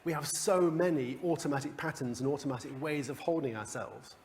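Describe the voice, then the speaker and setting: A man's voice: on the high side, a little fast, a little mellow, slight background noise. A man leading a coaching workshop for a live group, talking conversationally with restarts and chuckles. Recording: long hall reverb.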